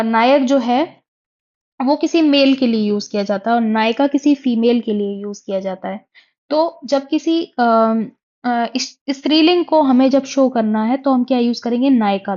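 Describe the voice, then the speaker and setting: A woman teacher walks through sentence corrections, repeating each fix and asking rhetorical questions. She speaks with mixed in, in a fairly high voice. The recording sounds a little dull and lo-fi. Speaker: exam prep teacher. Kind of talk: lesson on Hindi grammar.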